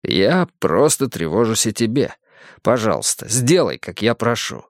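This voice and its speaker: A man reading an audiobook, voicing a shaken middle-aged psychiatrist who talks tensely and haltingly. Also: lowish voice, very animated, dry recording, clean studio sound.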